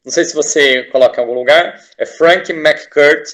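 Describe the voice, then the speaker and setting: A man's voice: on the high side, normal speed, fairly bright tone. A Brazilian man, a teacher and artist, talking as a guest in a casual interview, enthusiastic and rambling with frequent restarts and tag questions.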